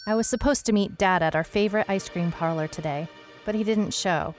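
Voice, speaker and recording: A woman speaks fairly quickly over music, lightly acting the lead and narrator of an audio mystery serial. Her character is a skeptical, wry private detective whose dry, musing first-person narration feels puzzled and uneasy.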